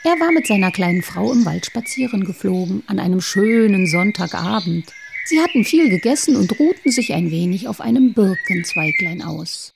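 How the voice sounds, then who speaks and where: Woman storyteller reading a children's tale, mellow and a bit gravelly, expressive, dips into whispers. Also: medium pitch. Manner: expressive, sometimes dropping to a whisper.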